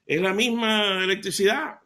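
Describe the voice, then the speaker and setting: A man giving a devotional talk, telling stories in an animated way and laughing as he goes. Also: high voice, moderate pace. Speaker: lay preacher.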